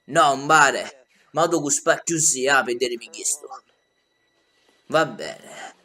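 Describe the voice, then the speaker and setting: Guy doing a sicilian thug in a comedy film dub, aggressive n sweary, bright edgy voice, music behind. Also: medium pitch, takes it slowly, voice pushed down. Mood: threatening. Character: crude, hot-tempered young male bully in film parody. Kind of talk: comic dialect film dub.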